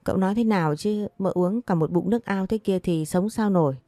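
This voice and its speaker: A woman voicing a panicky young servant girl who wails and laments loudly. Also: mid-range voice, fairly quick, no echo, clean studio sound, lightly acted. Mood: wailing. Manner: wailing, loud lament.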